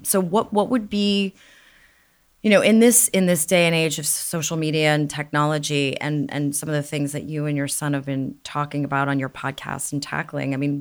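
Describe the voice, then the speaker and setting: Deep-voiced woman host, halting and supportive. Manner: supportive, soft affirmations, halting questions. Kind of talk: conversational interview.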